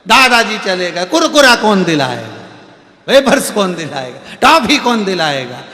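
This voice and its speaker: A man doing a loud whining little grandson. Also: sits high, very animated, measured pace, full character voice. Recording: echoey hall with faint music.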